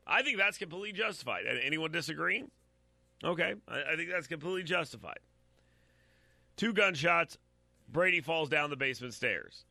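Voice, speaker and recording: A man's voice: a little high, animated, normal speed, gravelly, long pauses, pushed and bright, no echo. A man giving blunt, opinionated commentary while reading out a news story, talking straight to his audience and stumbling over repeated words.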